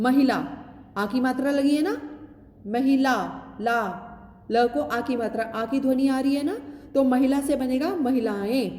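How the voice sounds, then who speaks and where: A young woman teaching a class, explaining patiently and slowly, asking questions and answering them herself. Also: high-pitched, dark tone. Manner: slow and explaining, repeats key words. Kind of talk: classroom grammar lesson. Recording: echoey room with long reverb.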